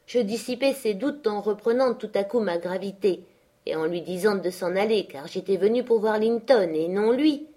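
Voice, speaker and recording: A woman narrating a classic novel aloud in a measured, expressive audiobook reading. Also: medium pitch. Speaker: audiobook reader.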